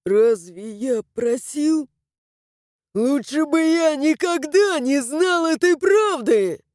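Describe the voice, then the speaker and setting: A man voicing a young male highlander, hurt and bitter, in an audiobook. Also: slow, dark tone, no room sound, clean studio sound. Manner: anguished, pleading. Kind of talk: audiobook character voice.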